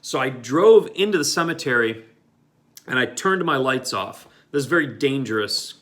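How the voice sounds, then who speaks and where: A man's voice: medium pitch, animated, normal speed, a bit bright. A man from Michigan telling a personal story casually, rambling with lots of fillers and restarts. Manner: rambling, many fillers and restarts, with acted-out quotes.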